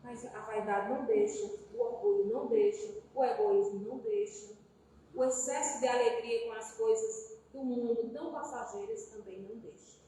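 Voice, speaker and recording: A woman's voice: on the high side, expressive, normal speed, warm tone. A woman giving a spiritist talk, telling a parable expressively and addressing listeners as brothers. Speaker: spiritist speaker. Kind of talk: sermon with parable storytelling. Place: spiritist center hall. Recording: echoey hall, distant mic, noise.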